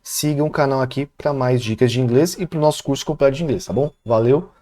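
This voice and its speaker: A man's voice: mid-range voice, quick pace, warm tone. A Brazilian man with a Brazilian Portuguese accent, an English teacher explaining grammar rules in an exam-prep lesson and checking in with his students at almost every phrase. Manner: explanatory, peppers sentences with "tá?" and "né?".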